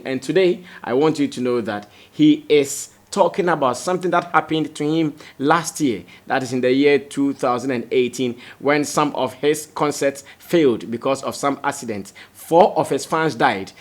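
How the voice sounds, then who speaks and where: A Ghanaian man presents an entertainment news roundup at a mid pitch, speaking straight to his viewers. He is conversational and leans hard on the points he wants to land. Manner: conversational, emphatic, addresses viewers directly.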